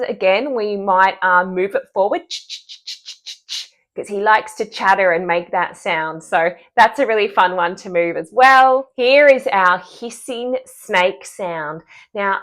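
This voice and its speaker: A woman's voice: mid-range voice, a bit bright. A woman speech-language pathologist explaining animal sound cues for children's speech therapy in an upbeat way, showing the sounds as she goes. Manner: upbeat, demonstrates sounds and gestures.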